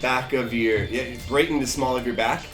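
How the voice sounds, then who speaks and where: A man's voice: mid-range voice, fairly even intonation, moderate pace, a bit bright. Rambling young man running a tabletop game. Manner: rambling narration with many fillers and restarts. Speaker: dungeon master. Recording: echoey room with faint music.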